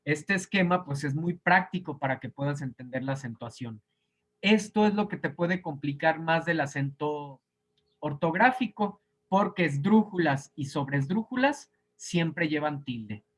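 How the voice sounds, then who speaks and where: A man's voice: a little high, lively intonation, a little slow. A male teacher giving an online class lecture, explaining patiently step by step and sounding out example words syllable by syllable.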